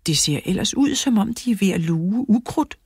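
A woman voicing a calm, matter-of-fact man in a dark suit in a children's audiobook. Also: mid-range voice, vocal fry, slightly rough, dry recording, clean studio sound, voice pushed up, full character voice.

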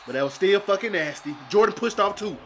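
Excitable young man reacting to basketball. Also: high voice, fast. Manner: excitable, profane, talks straight to viewers. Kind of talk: casual reaction commentary.

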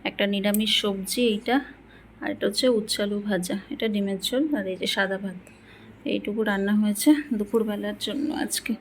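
A woman vlogging at home, coaxing a child with repeated urging and at times talking quietly on purpose. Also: mid-range voice, little pitch movement, fairly quick, slight background noise. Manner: coaxing, repetitive urging while feeding a child. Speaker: vlogger and mother. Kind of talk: casual home vlog.

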